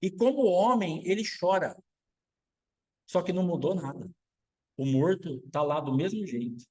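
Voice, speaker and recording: A man's voice: sits high, normal speed, mellow, husky, poor audio. A man, a pastor, preaching a sermon, asking rhetorical questions and acting out quotes.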